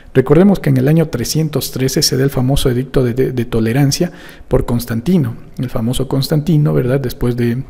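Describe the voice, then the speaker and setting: A man with a gravelly, husky voice teaching a Bible prophecy lesson. He explains things step by step and keeps checking in with his listeners. His dark tone rings out in long reverb. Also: mid-range voice.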